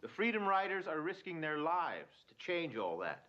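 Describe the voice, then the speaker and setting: A blunt civil rights adviser. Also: male voice, fairly high pitch, big pitch swings, normal speed, muffled recording. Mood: urgent. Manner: forceful, lecturing.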